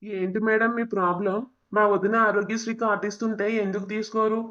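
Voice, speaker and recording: A man plays a hot-tempered young village man in an animated drama, quick to accuse. His voice is high and bright with little pitch movement, and the sound is dull and lo-fi. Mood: angry. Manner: heated, accusing, confrontational. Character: angry young village man Seenu, the brother-in-law. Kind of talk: cartoon drama dubbing.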